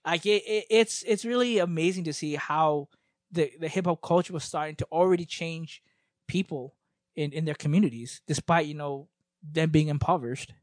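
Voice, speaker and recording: A man's voice: a little high, normal speed, dry recording, studio quality. A man in casual chat, explaining at length with many restarts and fillers.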